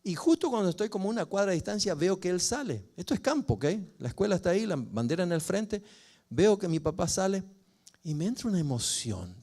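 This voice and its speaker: An older man, a pastor telling a personal story in a sermon with expressive rises and falls. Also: high voice, a little fast. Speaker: pastor and family counselor.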